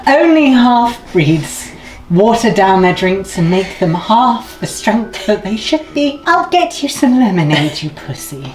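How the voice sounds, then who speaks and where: A woman's voice: mid-range voice, sing-song, measured pace, roomy sound. A woman playing a prim, sadistic middle-aged schoolteacher in a comedy parody, bossy and sugary in her condescension. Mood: condescending. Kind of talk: comedy parody role-play.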